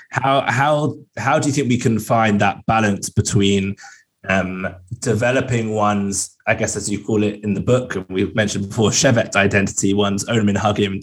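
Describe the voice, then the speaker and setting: A male podcast host with a fairly low voice asks long, searching questions. He pauses often on "um" and "uh" as he builds his thought, keeping a casual conversational tone.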